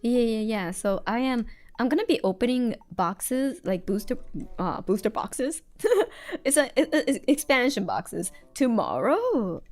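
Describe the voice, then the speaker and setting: Giggly woman with a lively voice. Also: fairly high pitch, measured pace, soft background music. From United States. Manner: giggly, chatty, trails off and restarts. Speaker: streamer. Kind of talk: casual livestream chat while drawing.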